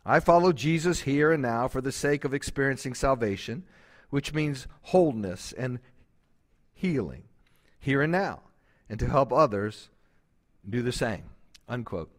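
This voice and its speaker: Folksy pastor preaching. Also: male voice, medium pitch, expressive, measured pace, pauses often. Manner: folksy, humorous storytelling with many fillers and restarts. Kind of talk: sermon. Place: church sanctuary.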